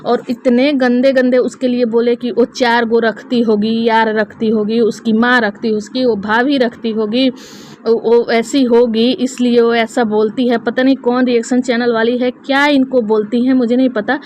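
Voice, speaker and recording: A woman's voice: a little high, little pitch movement, normal speed, darkish tone, a little hiss or hum. A woman reaction vlogger in casual commentary, chatty and scolding, with many fillers and restarts.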